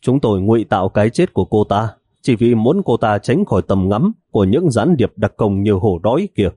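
Narrator voices a straightforward middle-aged agent, low and dry. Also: male voice, big pitch swings, fairly quick, warm tone, husky, no echo. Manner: plain, matter-of-fact. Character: blunt middle-aged British intelligence man.

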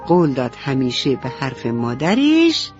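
A woman's voice: extremely low pitch, huge pitch swings. A woman storyteller narrating a bedtime story for children, speaking to them tenderly and fondly. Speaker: radio storyteller. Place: radio studio. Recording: dull radio recording, faint music.

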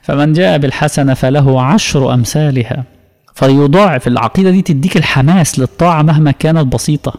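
A man's voice: on the high side, quick pace, a little mellow, big-room sound. A man with an Egyptian Arabic accent teaching a religious lesson, emphatic and full of rhetorical questions. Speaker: preacher teaching a creed course.

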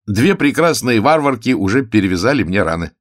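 A man's voice: fairly low pitch, sing-song, fairly quick, dry recording, clean studio sound, voice pushed up. A man reading aloud and voicing a proud boy who plays a scornful, commanding knight.

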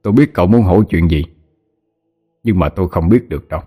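Deep-voiced, grave middle-aged spirit medium in an audiobook, voiced by a man, soft music behind. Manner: grave, slow, hesitant with fillers.

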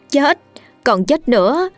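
A woman's voice: high-pitched, very animated, drawn-out words, no room sound, faint music behind, voice pushed up, heavily acted. A woman voicing a simple-minded young woman who talks in a childlike, giggly sing-song in a ghost story. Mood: eerie glee.

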